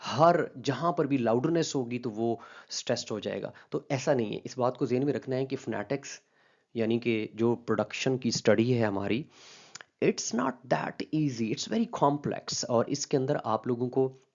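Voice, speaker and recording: Man, linguistics teacher, explanatory lecture, mid-pitched voice, frequent check-ins, muffled lo-fi sound. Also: expressive, unhurried. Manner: checks in often with a "right?" and mixes in English terms.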